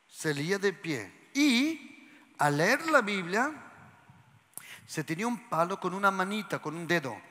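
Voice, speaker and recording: A male pastor preaches in a church hall with a long reverb tail. His voice sits high and bright, with wide pitch swings. He talks at an unhurried pace, drops to whispers, then bursts into shouts while quizzing the congregation. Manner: asks the congregation questions and has them repeat lines. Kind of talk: lively sermon to a congregation.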